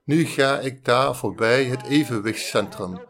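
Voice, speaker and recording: A man preaching a sermon, telling a story slowly and deliberately with frequent restarts. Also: medium pitch, a bit bright. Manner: slow, deliberate, halting with restarts.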